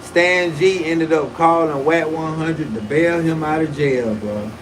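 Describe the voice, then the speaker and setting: This forties-aged livestream host talks at a measured pace against a noisy background, his voice a little high for a man. The stream is casual and rambling, full of loose, profane slang and sentences restarted mid-thought.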